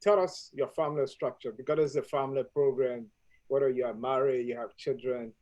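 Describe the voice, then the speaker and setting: A man's voice: mid-range voice, fairly even intonation, fairly quick, a little mellow, rough recording. A man hosting a live-streamed family talk show, introducing his guest formally and asking long, winding questions. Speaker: host.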